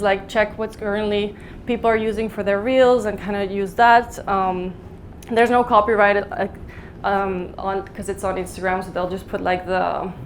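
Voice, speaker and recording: Fast-talking woman giving a conference talk. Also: mid-range voice, a little hiss or hum. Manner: fast, chatty, many fillers like "like" and "um". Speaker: conference speaker. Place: conference hall in Mumbai.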